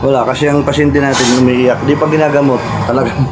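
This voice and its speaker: A man working as a folk healer, calming a nervous patient with short, coaxing questions while he also addresses his viewers. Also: mid-range voice, fast. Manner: soothing, coaxing, keeps asking short questions. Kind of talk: treating a patient on camera while talking to viewers. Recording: loud vehicle noise behind.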